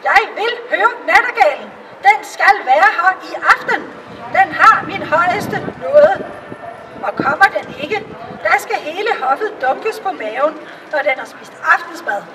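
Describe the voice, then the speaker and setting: A woman's voice: extremely high pitch, big pitch swings, far from the mic, a crowd in the background, noisy background. A woman doing a commanding emperor. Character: commanding old male emperor.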